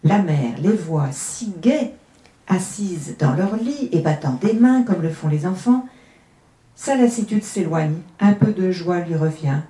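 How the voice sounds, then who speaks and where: Woman, low mellow voice, measured storytelling, echoey room. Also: expressive. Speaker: reader. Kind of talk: reading a literary tale aloud, then commenting.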